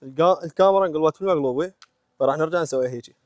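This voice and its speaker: A man's voice: fairly high pitch, very fast, a little mellow, muffled recording, slight background noise. A man with an Iraqi Arabic accent narrating a casual vlog, talking informally to viewers and companions in short phrases. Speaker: vlogger.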